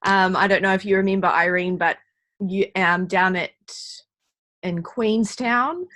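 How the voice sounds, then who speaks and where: Woman host, effusive, crisp bright voice, dry sound. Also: mid-range voice, a little slow, no echo. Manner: effusive, gushing thanks. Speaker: call host. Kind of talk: casual video call chat.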